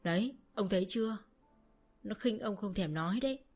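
A woman's voice: medium pitch, animated, normal speed, a little mellow, faint music behind. A woman voicing a weepy, manipulative older rural mother-in-law who wails and complains theatrically. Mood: wailing. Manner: wailing, theatrical, self-pitying.

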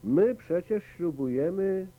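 Man, meditation teacher, animated pitch, conversational, tinny phone-like recording. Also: takes it slowly. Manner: conversational, asks listeners questions. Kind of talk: spoken commentary on a meditation.

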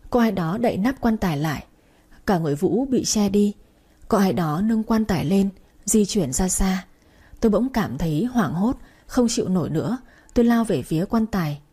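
A woman's voice: medium pitch, warm tone, slightly rough. A woman narrating a first-person novel as an audiobook, reading in an emotional, sorrowful way.

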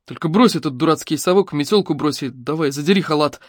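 Woman doing a gruff mocking village thug. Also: deep voice, quick pace, no room sound, studio quality.

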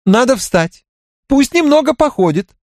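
A man reading an audiobook, voicing a brisk, strict farm wife who takes charge as midwife. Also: very high voice, very animated, dry recording, studio quality, pitched above the performer's own voice, heavily acted. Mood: urgent, businesslike. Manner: strict and businesslike.

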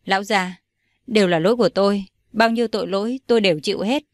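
A woman's voice: mid-range voice, fast talker, no room sound, clean studio sound, natural voice. Woman voicing a pleading young man. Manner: pleading, earnest. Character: desperate young man pleading for his love.

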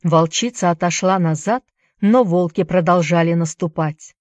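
Low-voiced woman narrating a story. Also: normal speed, no echo, studio quality. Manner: steady, storytelling. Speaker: audiobook narrator. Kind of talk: scripted narration.

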